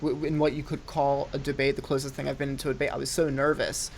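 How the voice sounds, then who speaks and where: A man talking casually over an online voice call, halting and restarting his words while the audio cuts in and out. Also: mid-range voice, little pitch movement, gravelly, a little hiss or hum. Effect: choppy call audio cutting in and out. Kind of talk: casual chat.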